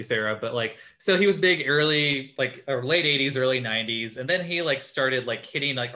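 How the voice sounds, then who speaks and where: A man's voice: mid-range voice, sharp tone. A young man hosting a casual podcast, telling a long story and filling it with "like" at nearly every turn. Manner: rambling storyteller, heavy use of "like". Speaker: podcast host. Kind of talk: casual chat.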